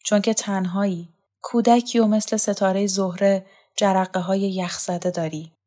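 A woman's voice: mid-range voice, steady tone, warm tone, natural voice. Woman reading young man figure, fervent, yearning, earnest pleading, storybook reading.

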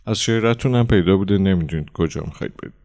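A man's voice: deep voice, a little mellow. A man voicing a proud Soviet policeman who lectures tourists in a formal, boastful way. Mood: lecturing.

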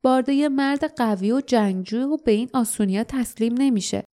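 A woman voicing a gentle male companion in a storybook reading, speaking softly and reassuringly. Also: fairly high pitch, lightly acted. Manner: soft, reassuring.

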